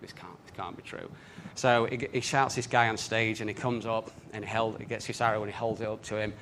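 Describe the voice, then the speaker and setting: Guy telling a story, kinda low voice, earnest, bit of faint room hum. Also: little pitch movement, quick pace, fairly bright tone. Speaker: speaker. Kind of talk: personal story talk.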